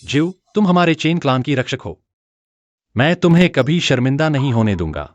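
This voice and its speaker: A man's voice: mid-range voice, animated, moderate pace, dry recording, natural voice. A man voicing a devoted young male clan heir in a dubbed short drama, earnest and protective.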